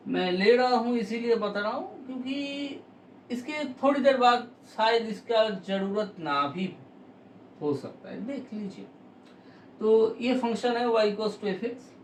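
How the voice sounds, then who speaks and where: A man teaching a math lesson, explaining slowly and step by step with frequent pauses. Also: high-pitched, roomy sound, recorded from a distance, slight background noise, rough recording.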